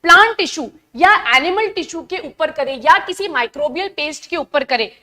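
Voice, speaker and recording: A young woman giving a live online biology lesson, chatty and asking her students questions, reading textbook lines slowly before explaining them. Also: high-pitched, lively intonation, bright, forceful tone. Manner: reads English textbook lines slowly, then explains in Hindi. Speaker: biology teacher. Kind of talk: live online class lecture.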